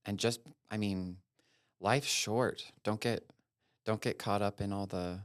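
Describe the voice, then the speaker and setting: A man's voice: fairly low pitch, steady tone, slow pace, no room sound, clean studio sound. A man from Wyoming, a guest photographer, talking candidly and earnestly in a casual interview, with long run-on thoughts.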